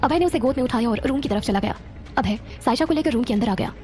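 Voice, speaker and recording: A woman narrating a romantic audio series in a steady storytelling manner. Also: on the high side, fast, soft background music.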